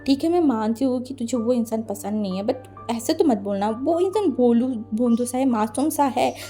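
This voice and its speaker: A woman's voice: a little high, expressive, normal speed, mellow, faint music behind, natural voice. A woman voicing a nervous young man in a fan-fiction story who pleads with his angry friend. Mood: pleading. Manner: pleading, flustered.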